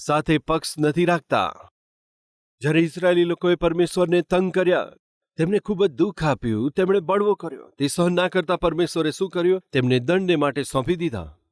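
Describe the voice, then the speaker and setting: Man preaching, pastor, rhetorical questions, higher voice, dry close sound. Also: dry recording. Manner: asks the congregation rhetorical questions. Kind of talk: sermon.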